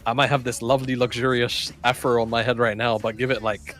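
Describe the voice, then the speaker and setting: A man's voice: mid-range voice, level tone, fairly quick, a bit bright, faint music behind. Chatty man on a livestream. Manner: chatty, swearing, laughs often. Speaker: stream co-caster. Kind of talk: casual livestream chat.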